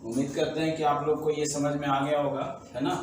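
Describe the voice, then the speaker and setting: A man teaching a shorthand class in Hindi, explaining rules slowly and checking whether the students have understood. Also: fairly high pitch, level tone. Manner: slow, repetitive explaining, asks the class checking questions. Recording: echoey room, voice from far off, faint background noise.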